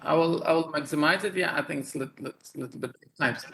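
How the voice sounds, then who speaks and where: Halting Afghan-born male surgeon, fairly high voice. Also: gravelly, a bit bright, a little hiss or hum, rough recording. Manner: halting, many fillers and repeated words. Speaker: neurosurgeon and professor presenting. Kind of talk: conference talk over video call.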